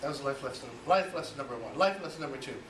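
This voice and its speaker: Animated and talking fast in a mid-range voice, a man in his forties who was born in Cuba gives a personal icebreaker speech. It's chatty, stuffed with you-knows and rhetorical questions, and captured at a distance in a noisy room full of echo.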